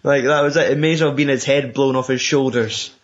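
A man's voice: mid-range voice, steady tone, fast. Sweary Scottish young man, lo-fi. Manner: sweary, rambling, laughing retelling of scenes. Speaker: podcast co-host. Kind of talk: casual film chat. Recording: dull lo-fi recording.

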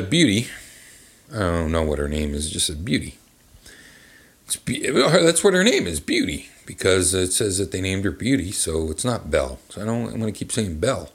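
A man's voice: fairly low pitch, husky. A man hosting a comedic live reading of a children's book in a bar, rambling into crude asides with many fillers.

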